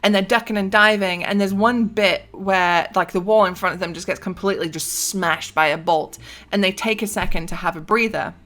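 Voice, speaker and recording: A woman casually recapping a tabletop role-playing campaign, chatty and animated, with asides and sound effects. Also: mid-range voice, moderate pace. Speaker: tabletop game player recapping a character.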